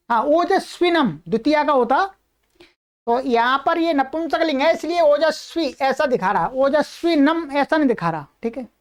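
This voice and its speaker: Woman teaching sanskrit, patient and explaining, high voice, takes it slow word by word. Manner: patient and explanatory, often checking in with "ठीक है"; reads translations and sandhi examples slowly, word by word. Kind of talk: recorded lesson going over an answer sheet.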